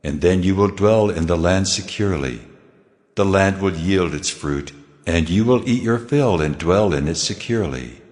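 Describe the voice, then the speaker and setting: A man's voice: low-pitched, moderate pace, darkish tone, natural voice. A man voicing the Lord in a dramatized scripture recording, grave and commanding. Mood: solemn. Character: the Lord, a solemn commanding divine male voice. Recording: long hall reverb. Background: faint music.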